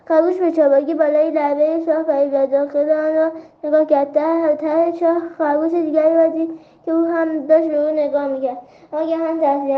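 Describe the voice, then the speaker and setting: A woman reading a fable aloud to children in a gentle storybook manner. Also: high voice. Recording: roomy, slightly dull recording.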